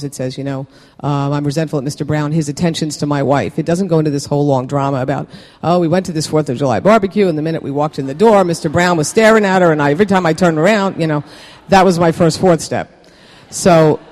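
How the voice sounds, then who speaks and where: A man sharing his own recovery story with a meeting. He talks candidly and mocks himself, stopping and restarting often, his voice sitting a little higher than most men's. The sound rings with the long reverb of a meeting hall. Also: a little mellow. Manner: candid, self-deprecating, halting with many fillers.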